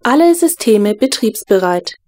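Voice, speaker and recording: A woman's voice: mid-range voice, unhurried. A woman voicing a polite smart-home computer. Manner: polite, even and announcing.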